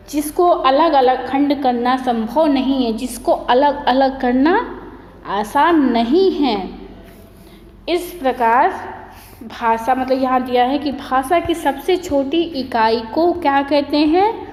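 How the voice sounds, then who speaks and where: Slow, high-voiced woman teaching a class. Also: a little mellow. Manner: asks the class questions and answers them herself; drawn-out sounding of letters. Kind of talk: slow, patient Hindi grammar lesson. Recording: echoey room, long reverb.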